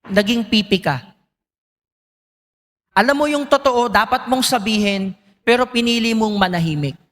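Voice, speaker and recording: A man's voice: very high voice, fairly bright tone, in a large hall. A male preacher giving a sermon in church, often asking the congregation questions. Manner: engaging, asks the congregation questions.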